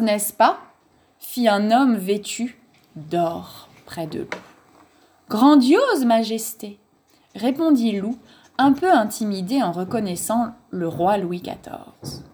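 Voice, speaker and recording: A woman narrating a children's story in a slow, expressive storybook reading. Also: mid-range voice, a little hiss or hum.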